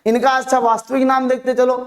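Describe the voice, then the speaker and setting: A teacher giving an online chemistry lesson to students, asking questions and answering them, repeating each term slowly. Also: sits high, little pitch movement.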